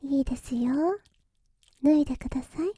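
A woman voicing a teasing young masseuse who tends to a hero, speaking in a soft breathy whisper with a slow, coaxing, giggly manner. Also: high-pitched, natural voice. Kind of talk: whispered ASMR roleplay.

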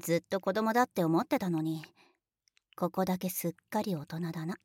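A young woman acting out a rough-talking, bossy big sister in an adult audio role-play drama, blunt and boyish with teasing laughs and some whispered lines. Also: lowish voice, a little fast, no echo.

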